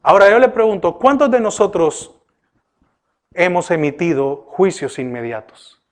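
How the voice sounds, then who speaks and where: A male pastor delivering a sermon, questioning his listeners often and turning from emphatic bursts to hushed remarks. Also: high-pitched, moderate pace. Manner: preaching with repeated rhetorical questions to the congregation; often addresses listeners with "oiga" and "¿verdad?".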